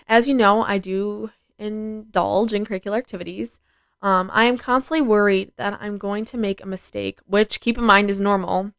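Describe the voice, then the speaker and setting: Earnest teenage girl podcaster, smooth clear voice. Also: medium pitch, dry recording. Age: teens. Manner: earnest, rambling, many fillers. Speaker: podcast host. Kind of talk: casual personal chat.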